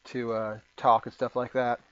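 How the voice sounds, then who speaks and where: A man's voice: mid-range voice, level tone, highs cut off, noisy background. A man narrating a tabletop game as game master, often repeating words as he works things out. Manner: halting, repeats words while thinking.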